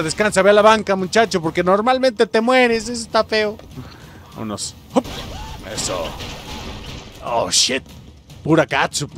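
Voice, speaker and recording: A young Mexican man giving let's play commentary, excitable, yelling and swearing at the game. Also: high-pitched. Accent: Mexican Spanish. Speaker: gaming channel host.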